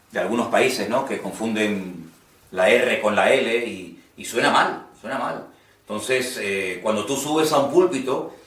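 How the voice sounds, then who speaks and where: A man's voice: mid-range voice, a bit bright. A man from teaches preachers, earnest and conversational, often repeating his points for emphasis. He is recorded from some distance in a roomy, echoing space. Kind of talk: homiletics class lecture. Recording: echoey room, voice from a distance.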